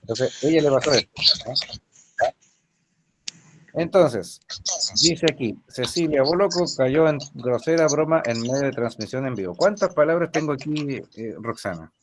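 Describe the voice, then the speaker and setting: A man's voice: mid-range voice, animated, moderate pace, noisy background. Chilean man teaching a language lesson. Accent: Chilean Spanish. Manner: questioning a student, patient and explanatory. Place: online class session.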